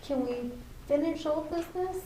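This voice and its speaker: High-voiced woman chairing a meeting, echoey. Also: normal speed, mellow. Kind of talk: running a school committee meeting. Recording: echoey room with background noise.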